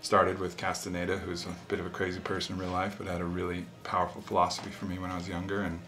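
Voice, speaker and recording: Recorded in an echoey small sauna with constant background noise, this thirties-aged man talks fast in a voice that sits low. He is both interviewee and show host, and his casual, reflective delivery comes across as earnest and philosophical.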